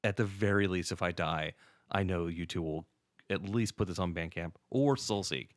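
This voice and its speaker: A man co-hosting a music gear podcast in casual chat, relaxed and rambling, often laughing. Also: low voice, normal speed, no echo, studio quality. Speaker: podcast co-host.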